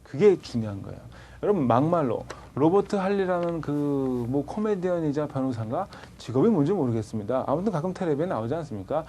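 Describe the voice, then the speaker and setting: A man delivers a classroom lecture with a mellow, relaxed tone. He keeps it colloquial, tossing rhetorical questions to his students. A faint hiss of noise sits under the recording. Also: fairly high pitch. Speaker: TOEIC grammar lecturer.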